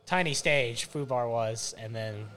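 A man's voice: medium pitch, a little slow, bright, forceful tone. A man guesting on a podcast as a band member, telling stories in casual chat.

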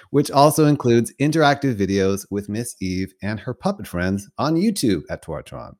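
A man's voice: fairly low pitch, darkish tone. A man hosting an interview podcast, introducing his guest like a showman and then asking questions. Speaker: podcast host.

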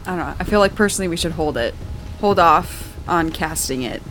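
A woman's voice: deep voice, fairly quick, a bit bright, a little hiss or hum. A woman playing a tabletop role-playing game, describing her character's actions and talking tactics. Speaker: player.

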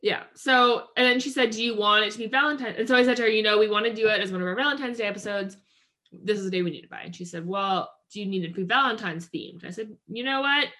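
Woman from Canada, podcast co-host, casual chat, bright tone. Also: mid-range voice, fast talker. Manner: chatty, upbeat, heavy use of "like".

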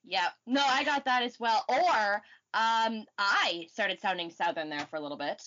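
A woman's voice: medium pitch, moderate pace, sharp tone. A young woman co-hosting a podcast in a friendly, upbeat, casual way, laughing often. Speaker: podcast co-host. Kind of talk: casual chat. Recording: dull lo-fi podcast audio.

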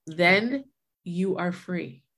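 A woman's voice: lowish voice, lively intonation, drawn-out words, a bit bright. A woman in her forties in casual, earnest conversation, reflecting aloud with many restarts. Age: 40s. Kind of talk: casual chat.

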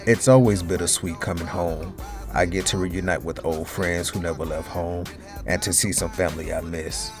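A very deep-voiced man, an actor in character, narrates a drama in scripted voice-over. He plays a reflective grown man coming home to family, with music clearly behind him. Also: steady tone, moderate pace, natural voice.

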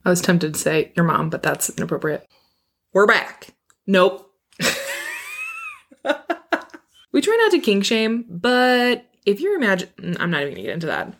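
A woman's voice: lowish voice, sing-song, normal speed, long pauses. A young woman co-hosting a podcast in casual chat, laughing often and frankly poking fun at herself. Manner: laughing, self-deprecating, frank. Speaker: podcast co-host.

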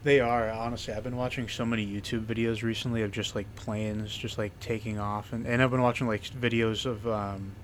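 A young man with a deep, mellow, fairly monotone voice, chatting in a laid-back way. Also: brisk, hardly any pauses, slight background noise. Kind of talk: casual chat.

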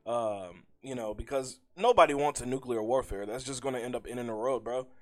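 A man's voice: medium pitch, fairly quick. A young adult man co-hosting a podcast, giving his opinions in a laid-back, slangy way, swearing and saying "bro" a lot. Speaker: podcast co-host. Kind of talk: casual opinion chat.

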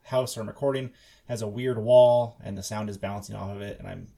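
A man's voice: on the low side, fairly even intonation, a little fast, gravelly, dark tone. A man hosting a casual podcast chat from a room in his house, his voice echoey as the sound bounces off a wall; he rambles with many restarts and jokes. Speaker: podcast host.

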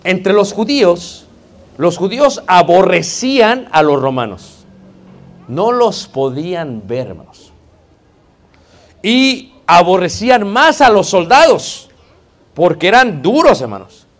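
In a high voice with big swings in pitch, a Mexican-accented man preaches slowly. The sermon is conversational and lighthearted, with frequent direct address to the congregation as brothers.

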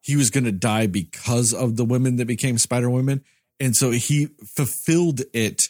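A man's voice: mid-range voice, normal speed, a little mellow, no echo, studio quality. A man co-hosting a movie review podcast who rants sarcastically and swears freely. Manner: sarcastic, ranting, profane. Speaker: podcast co-host. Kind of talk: casual movie review chat.

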